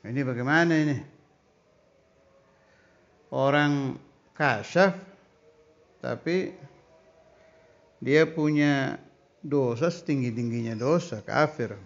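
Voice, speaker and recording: A man teaching a classical religious text at a deliberate, unhurried pace, reading each Arabic passage slowly before explaining it in simple terms. The recording is dull and lo-fi, with the top end muffled. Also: mid-range voice. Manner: reads Arabic passages slowly, then explains in plain Indonesian.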